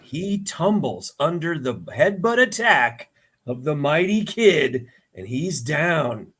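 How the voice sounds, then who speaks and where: A man runs a tabletop game as game master. His husky, slightly high voice leaps all over the place. He cheers and whoops whenever a roll lands. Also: takes it slowly. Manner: excitable, whoops and cheers at hits.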